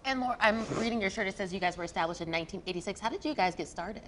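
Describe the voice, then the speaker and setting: A woman's voice: mid-range voice, racing, a bit bright. A woman hosting live TV, teasing her co-host and asking questions. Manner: teasing, chatty. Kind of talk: live morning show banter.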